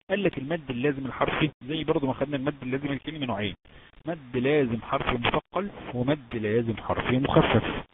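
A man with an Egyptian accent teaching Quran recitation rules in an online lesson, explaining step by step and quizzing his students. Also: mid-range voice. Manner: explains step by step, asks students questions, drawn-out chanted examples. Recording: tinny noisy phone-like line.

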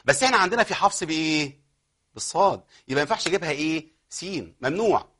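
A man with an Egyptian Arabic accent gives a recitation lesson in a slightly higher voice. His tone is husky. He breaks off his explanations to sound out words slowly and repeat them. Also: expressive, bright, forceful tone. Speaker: Quran recitation teacher. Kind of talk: tajweed lesson with recited examples.

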